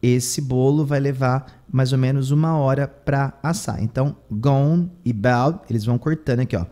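A man's voice: mid-range voice, moderate pace, dark tone. A man with a Brazilian Portuguese accent teaching English, translating phrases line by line and repeating words for emphasis. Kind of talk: bilingual lesson explaining English.

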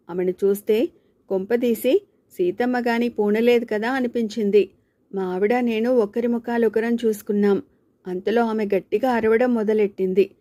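A woman narrates a bedtime-style story in a steady, measured read-aloud manner. Her voice is dark and mellow, recorded close with a dry, dead sound. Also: medium pitch, no echo.

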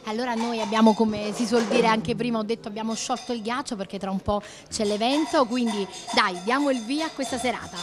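A woman's voice: on the high side, steady tone, brisk, hardly any pauses, over music. A middle-aged woman hosting casual, effusive, chatty interviews into a handheld microphone backstage at a theatre. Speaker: TV interviewer and host.

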